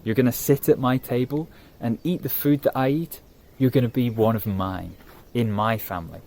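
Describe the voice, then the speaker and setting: A man telling it as a calm, generous old king. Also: mid-range voice, moderate pace, a little hiss or hum, close to an everyday voice. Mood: reassuring.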